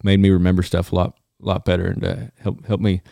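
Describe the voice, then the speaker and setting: Gravelly, low-voiced man rambling casually. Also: monotone, dark tone, no echo, studio quality. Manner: halting, rambling delivery. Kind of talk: casual podcast chat.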